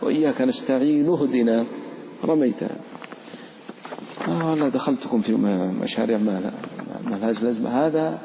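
A man's voice: mid-range voice, lively intonation, a little fast, vocal fry, background noise. A man, a sheikh teaching Quran recitation rules, explains the material conversationally to his students, quizzes them and gives the letters voices of their own. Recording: dull reverberant hall recording.

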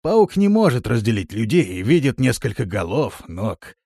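A male narrator plays a crude, cunning man who leads his group. He talks loud, bossy and mocking, in a lively voice. It is a dry, close audiobook recording. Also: mid-range voice, moderate pace, dry recording. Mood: instructive.

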